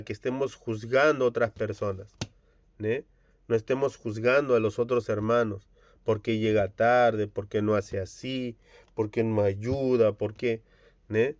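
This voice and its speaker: A man preaching a Bible study online, earnest and slow, dropping Japanese fillers between phrases. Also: mid-range voice, steady tone, no room sound. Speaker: pastor.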